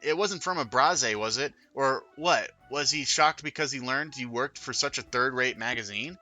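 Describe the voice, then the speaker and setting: A man's voice: medium pitch, normal speed, sharp tone, faint music behind. A man doing a flustered teenage schoolboy. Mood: exasperated. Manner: exasperated, blurting.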